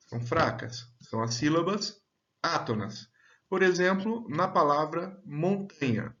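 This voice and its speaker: Slow, deliberate male teacher, lo-fi. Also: on the high side, fairly bright tone. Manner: slow and deliberate, stretching out example words. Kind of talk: slow, clear grammar lesson. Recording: dull, lo-fi sound.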